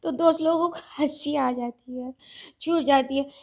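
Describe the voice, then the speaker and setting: A woman vlogger chatting unscripted to her viewers, speaking slowly and deliberately with many fillers and restarts. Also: sits high, fairly even intonation, darkish tone. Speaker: vlogger reviewing a reality show. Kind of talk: casual unscripted chat to viewers.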